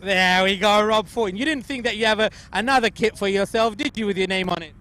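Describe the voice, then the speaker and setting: A man's voice: high-pitched, fast talker, pushed and bright. A man interviewing cricket players outdoors before a final, effusive and directing players and camera. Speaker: pitchside interviewer. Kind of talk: cricket pre-match interviews. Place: outdoors at a cricket ground at night.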